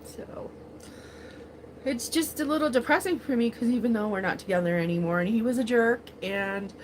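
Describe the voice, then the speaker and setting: A livestream host in her forties chats casually, rambling with lots of fillers, laughing often and showing her emotions openly. She has a fairly high pitch, speaks at normal speed, and there's slight background noise.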